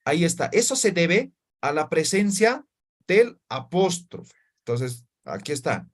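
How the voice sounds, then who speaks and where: A man's voice: a little high, big pitch swings. Patient man teaching a language class. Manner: patient, explanatory, checks in with listeners often; demonstrates sounds slowly and repeatedly. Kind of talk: online language class lecture.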